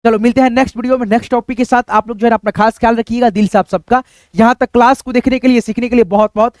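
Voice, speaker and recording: High, clear-voiced man teaching spelling. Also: fairly even intonation, racing, darkish tone, no echo, studio quality. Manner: spells letter by letter, often adds "friends" and "right?". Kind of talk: online spelling and pronunciation lesson.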